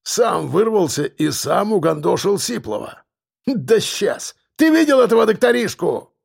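Brief: a raspy, high-pitched bellowing convict boss, swearing, wildly swinging voice, audiobook. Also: male voice, very animated, measured pace, exaggerated voice. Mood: furious. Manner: bellowing, swearing, shrill shouting. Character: furious loud male convict gang boss. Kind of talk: audiobook character voice.

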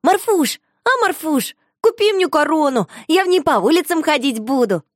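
Woman doing a shrill wild cavegirl. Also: normal speed, no echo, clean studio sound. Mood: excited. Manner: shrill excited exclaiming. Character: wild cavegirl, loud, pushy and blunt.

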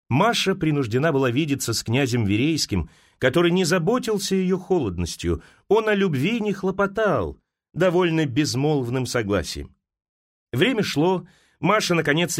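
Expressive male audiobook narrator. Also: a little high. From Russia. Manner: expressive, dramatic reading. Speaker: audiobook reader. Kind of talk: scripted narration of a classic novel.

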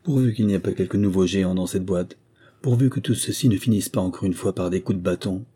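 A man's voice: sits low, quick pace, warm tone, husky. A man voicing a peasant wife and mother who frets and exclaims. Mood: worried. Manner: fretful, exclaiming.

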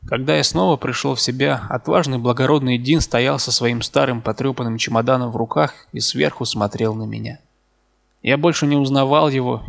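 Man reading a novel aloud, gravelly, calm and measured, mid-pitch. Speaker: audiobook narrator. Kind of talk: literary audiobook narration.

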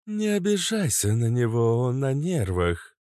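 Man putting on a high rough werewolf woman. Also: very animated, unhurried, a little mellow, no room sound, clean studio sound. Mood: calm. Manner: rough, blunt, swears. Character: fierce hot-tempered female werewolf fighter.

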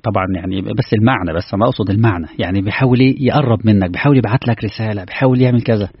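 A man with an Egyptian Arabic accent delivers a conversational sermon quickly and earnestly, firing rhetorical questions at his congregation. His fairly low, husky, dry voice sits close to the mic with no room sound, and the recording is dull and lo-fi.

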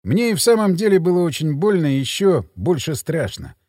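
A man's voice: fairly high pitch, very animated, brisk, darkish tone, no room sound. A man reading a first-person thriller audiobook in tense, dramatic scripted narration on a close mic.

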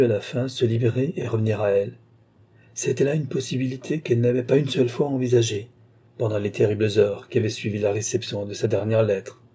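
A male audiobook narrator reading a literary novel in a measured, steady way. His voice is dark and mellow, with a husky grain and mid-range pitch.

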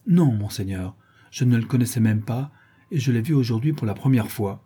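Narrator doing a deferential young gentleman, husky and mellow, storybook reading. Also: medium pitch, normal speed, lightly acted. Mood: respectful. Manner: deferential, explanatory. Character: respectful young nobleman messenger. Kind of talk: audiobook reading.

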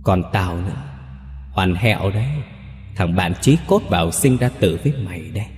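A man's voice: deep voice, animated, normal speed, darkish tone, reverberant, long reverb tail, soft background music. A man voicing the cold, resentful ghost of a betrayed old friend.

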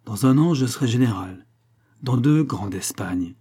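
A man acts out a cowardly traitor captain from an old adventure tale, sneering and scornful. The voice stays close to the reader's own mellow tone. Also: medium pitch, animated, unhurried, husky. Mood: scheming.

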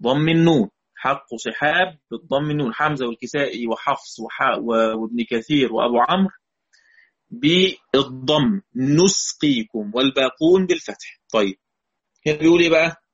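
A man's voice: medium pitch, fairly quick, breathy edge, lo-fi sound. A man with an Egyptian accent teaching a recorded lesson on Quranic readings, patiently repeating key words and quizzing his students. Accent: Egyptian Arabic.

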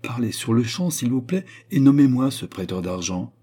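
Man voicing a troubled king, anxious then commanding, husky dark voice, low. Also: sing-song, normal speed. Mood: imperious. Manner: troubled, rising to royal command. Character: agitated anxious king of France. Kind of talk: audiobook character reading.

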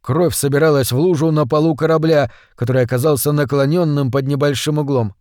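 Male narrator, audiobook read, a bit high-pitched, dry close mic. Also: steady tone, a little fast, a little mellow, no room sound. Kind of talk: scripted narration.

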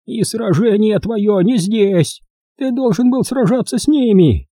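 A creaky, grating old woman shrieks her creed in a storybook reading, put on by a man in a much higher voice. Her tone stays dark and husky under the strain. The recording is close and dry. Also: measured pace, no echo. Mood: fanatical. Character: shrill raspy old woman teacher, fanatical.

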